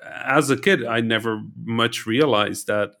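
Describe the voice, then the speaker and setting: A man from the Netherlands, a podcast guest in a casual interview. He has an ordinary middle-pitched voice. He speaks reflectively and thinks out loud, restarting his sentences and often checking in with tag questions. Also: a little slow.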